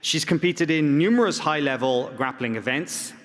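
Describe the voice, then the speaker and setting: A man hosting a press conference, introducing athletes in a brisk, joking, promotional way. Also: a little high, expressive. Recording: echoey hall reverb.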